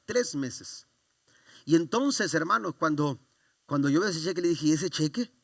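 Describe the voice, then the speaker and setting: Pastor, man, 50s; high, forceful storyteller, dry recording. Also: expressive, a little slow, vocal fry, dry recording. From Mexico. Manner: storytelling with many fillers and restarts, rising to fervent exclamations. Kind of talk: sermon. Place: church.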